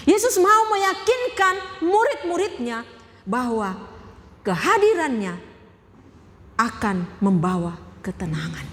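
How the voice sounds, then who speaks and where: A woman's voice: sits high, fairly bright tone, long reverb tail, a little hiss or hum. A woman pastor giving a sermon. She speaks emphatically, asks the congregation questions and repeats key phrases.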